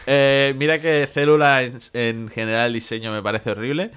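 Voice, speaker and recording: A young man co-hosting a casual podcast chat, retelling cartoon scenes with bursts of shouted lines. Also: mid-range voice, steady tone, normal speed, clean tone. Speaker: podcast co-host.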